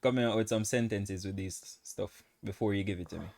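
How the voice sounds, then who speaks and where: A man's voice: on the low side, brisk, vocal fry, darkish tone. A young man chats casually, guessing in a hesitant, questioning way. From Jamaica. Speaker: contestant guessing slang. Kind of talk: casual chat.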